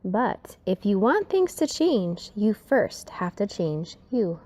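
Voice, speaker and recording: A woman reading a rhyming children's story aloud in an expressive, dramatic way, sometimes dropping to a hush. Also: medium pitch, slow.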